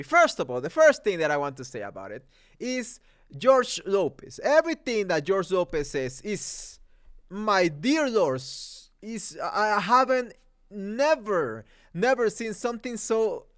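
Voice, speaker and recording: A man's voice: sits high, smooth, dry recording, studio quality. A man from Mexico with a Mexican accent, hosting an exasperated comedic movie rant with laughter. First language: Spanish. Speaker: comedy commentary host.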